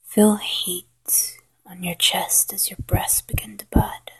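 A woman whispering a slow, coaxing guided hypnosis roleplay in a soft, intimate voice. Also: mid-range voice, little pitch movement, breathy edge, poor audio. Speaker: hypnosis narrator.

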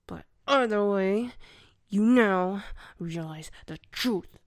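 A woman voicing a vengeful, domineering former student in an audio roleplay, taunting with frequent sighs and hushed whispers. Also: mid-range voice, slow pace, no room sound, clean studio sound. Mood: menacing. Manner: taunting, sighing, often whispering. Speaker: voice actor.

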